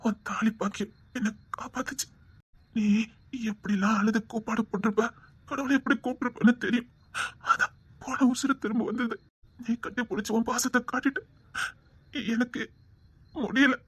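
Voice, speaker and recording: A woman voicing a bashful, tender injured husband with a Tirunelveli Tamil accent, speaking softly to reassure his wife. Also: fairly high pitch, steady tone, moderate pace, long pauses, slightly rough, no echo. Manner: soft, gently reassuring.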